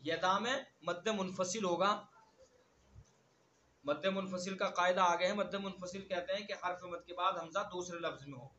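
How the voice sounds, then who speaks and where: Male recitation teacher, high bright voice, slow chanted verses, drills words by repeating them, dull lo-fi recording. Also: steady tone, reverberant, slight background noise. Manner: slow drawn-out recitation of verses between quick explanations. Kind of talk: online tajweed lesson.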